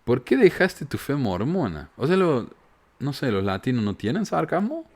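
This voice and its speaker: A man's voice: mid-range voice, big pitch swings, moderate pace, a little mellow. Sarcastic man with a Córdoba accent. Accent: Argentine, from Córdoba. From Argentina. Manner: sarcastic, reads quoted messages with mocking emphasis. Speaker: podcast host. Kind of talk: casual podcast monologue, reading listener messages. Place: home in Utah.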